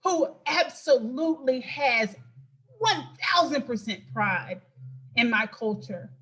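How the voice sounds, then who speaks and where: Woman going off on politics, high voice, preachy and emphatic, lots of asides. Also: lively intonation, slow, fairly bright tone. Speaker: host and political commentator. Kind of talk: impassioned political talk.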